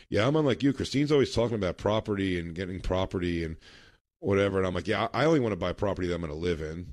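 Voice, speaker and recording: A man's voice: low voice, dry recording, clean studio sound. A man co-hosting a podcast in casual chat, a telling rambling stories and laughing mid-sentence. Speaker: podcast co-host.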